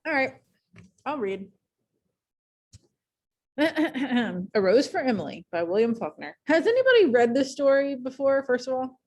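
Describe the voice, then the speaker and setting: A woman teaching a high school English class in a casual, chatty way, full of ums and likes, speaking in a classroom. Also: very animated, unhurried, pauses often, a little mellow. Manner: chatty, many fillers like um and like.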